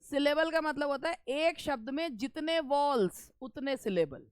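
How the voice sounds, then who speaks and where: High-voiced woman teaching grammar. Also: no echo. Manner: reads rules slowly, then explains in Hindi. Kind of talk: exam-prep grammar lesson.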